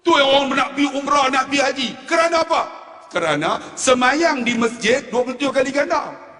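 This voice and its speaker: High, bright-voiced preacher. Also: male voice, brisk, far from the mic. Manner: animated storytelling, laughing at his own jokes, repeatedly calling out to the audience. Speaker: religious preacher at a mosque forum. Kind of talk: humorous sermon addressing the congregation. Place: mosque hall. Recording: long reverb from a mosque hall.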